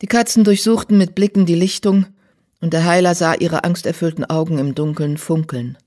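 Man, audiobook narrator, steady dramatic telling, a bit high-pitched. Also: normal speed.

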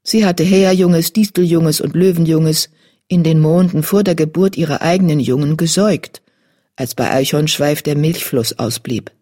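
A steady audiobook narrator with a husky, breathy voice in a middle pitch. The reading is measured and even. It sounds like scripted storytelling.

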